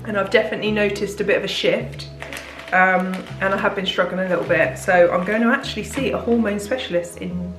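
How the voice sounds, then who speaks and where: A woman's voice: mid-range voice, fairly even intonation, fairly quick, a bit bright, echoey room, faint music behind, rough recording. A British woman in her thirties chatting candidly in a casual food vlog from her home kitchen, laughing easily as she talks. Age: 30s. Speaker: diet plan consultant and vlogger.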